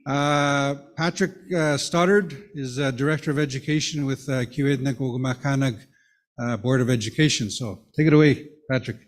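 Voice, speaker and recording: A man moderating an event informally, pausing often as he speaks. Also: medium pitch. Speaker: session moderator.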